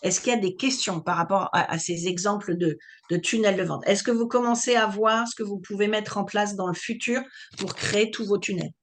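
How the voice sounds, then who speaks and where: A woman's voice: medium pitch, a little fast, slight background noise. A woman coaching a live webinar on sales funnels, explaining step by step and often checking whether her listeners follow. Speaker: online business coach.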